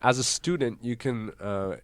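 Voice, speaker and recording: A man's voice: mid-range voice, moderate pace, dry recording. A man from Hong Kong, a startup founder, chatting casually as a guest in a live podcast interview.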